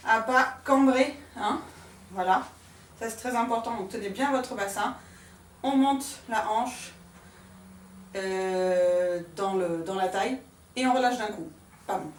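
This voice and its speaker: A woman's voice: a little high, recorded from a distance, a little hiss or hum. Woman teaching dance in an echoey room. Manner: calm, demonstrating moves while counting out accents with "pam" and "tac". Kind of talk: step-by-step dance lesson.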